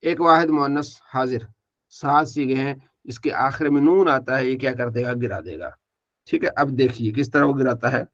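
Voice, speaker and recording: A man's voice: medium pitch, moderate pace, dull audio. A man teaching an online Arabic grammar class, asking questions and then answering them himself while he repeats verb forms in a drilling way.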